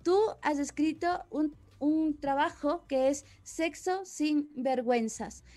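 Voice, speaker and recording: A woman moderating an online panel, warmly introducing the next speaker. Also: sits high, slow, faint music behind. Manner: friendly, introducing a guest.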